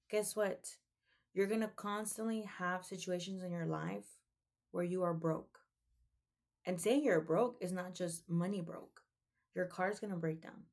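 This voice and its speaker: A woman's voice: lowish voice, a little mellow. A young woman giving an earnest, preachy motivational talk in a casual way, often saying "like" and "um.". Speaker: vlogger.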